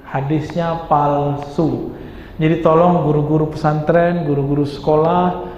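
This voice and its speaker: A man preaches in a mosque with a lively, questioning manner, often turning to his listeners. His voice sits a little high for a man and rings through a large echoing hall. The sound is dull, with faint noise behind it. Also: unhurried. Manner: lively, asks the audience rhetorical questions. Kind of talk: sermon.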